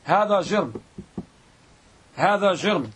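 A man teaching a grammar class, repeating definitions slowly and quizzing his students. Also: high-pitched, animated, fairly bright tone, breathy edge. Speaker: Islamic scholar teaching Arabic grammar.

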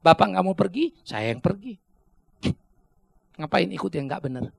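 A male pastor preaching with a very gravelly, creaky voice that sits fairly high and swings widely in pitch. He talks to the congregation in a chatty way, slips in jokes, and breaks into sudden emphatic bursts. The sound is close and dry. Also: sing-song, normal speed, dry recording. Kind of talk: sermon.

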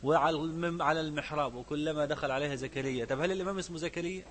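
A man with an Egyptian accent and a fairly high voice teaches a fiqh book very fast, with a little hiss or hum in the background. As a sheikh giving a religious lesson, he moves between classical recitation and colloquial asides and puts questions to his students.

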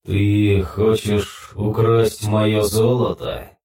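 A male narrator voicing a towering, cold and menacing man in an alien suit, his voice slow, drawn-out and metallic. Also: lowish voice, little pitch movement, warm tone, roomy sound. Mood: cold menace. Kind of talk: audiobook narration.

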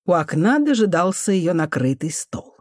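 A woman reading an audiobook with expressive narration. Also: lowish voice, normal speed, no room sound, clean studio sound. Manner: expressive storytelling. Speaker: audiobook reader. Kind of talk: scripted narration.

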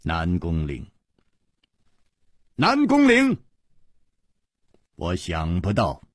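Man as a proud cornered hero, low voice, quiet and measured, slightly breathy. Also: no echo, studio quality, exaggerated voice. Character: weary, proud male hero, cornered but composed. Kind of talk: Chinese storytelling radio reading.

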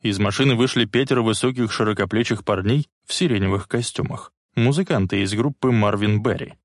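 A man reading a novel aloud in an even, measured storytelling manner. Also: fairly low pitch, no echo, clean studio sound. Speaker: audiobook narrator. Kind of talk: scripted narration.

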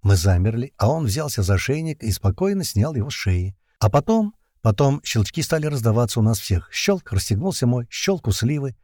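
A man's voice: medium pitch, very animated, brisk, few pauses, darkish tone, dry recording, studio quality. A man narrating a first-person audiobook in a tense, colloquial storytelling manner full of slang.

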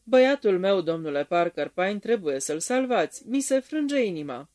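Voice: mid-range voice, very animated, darkish tone, lightly acted. A reader voicing an old-fashioned middle-aged mother, anxious and pleading. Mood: distressed. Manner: pleading, tearful.

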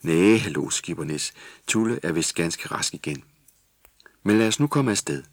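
A man voicing an excitable young male Christmas elf, high and loud, in a storybook cassette. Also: no room sound, studio quality. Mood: cheerful.

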